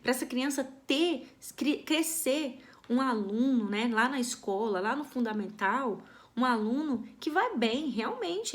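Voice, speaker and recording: Animated Brazilian woman teacher explaining. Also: fairly high pitch. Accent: Brazilian Portuguese. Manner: animated, teacherly, with frequent "né?" tags. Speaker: school educator. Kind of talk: explanatory talk about early literacy.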